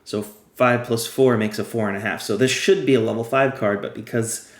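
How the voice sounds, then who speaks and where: A man's voice: medium pitch, steady tone, fairly quick, roomy sound. A man who is losing his voice, chatting casually as he plays and explains a card game step by step. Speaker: game guide creator. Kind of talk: casual gameplay tutorial.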